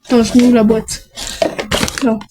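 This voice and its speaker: A woman's voice: on the high side, monotone, a little slow, background noise. A young woman chatting casually to viewers while unboxing mystery boxes, talking to herself and restarting her sentences often. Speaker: unboxing vlogger.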